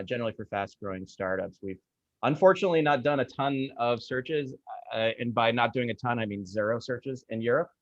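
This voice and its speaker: A man moderating a panel over a video call, talking casually with many ums and pauses. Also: fairly low pitch, no echo. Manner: relaxed, hesitant with many fillers. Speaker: panel moderator, executive recruiter. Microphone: video call microphone. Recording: dry, dull lo-fi video call audio.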